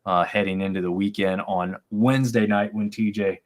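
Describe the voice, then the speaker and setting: A man's voice: on the low side, moderate pace. Rambling male sports talk co-host. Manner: rambling, animated, many restarts. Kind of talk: casual sports talk on a live stream. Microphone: remote video-call stream.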